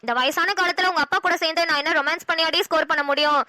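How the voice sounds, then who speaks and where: A woman's voice: very high-pitched, fairly even intonation, racing, sharp tone, no echo. A woman with a Namakkal Tamil accent voicing a cartoon in playful, teasing banter. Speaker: cartoon voice artist. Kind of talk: cartoon voice acting.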